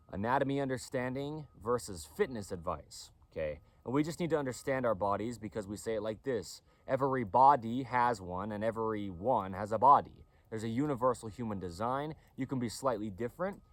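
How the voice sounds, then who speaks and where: The speaker, a man with a mid-range voice recorded with no room sound, runs a clothing company and is explaining anatomy. He talks casually to camera about how the body moves, repeating points and regularly checking in with "okay?"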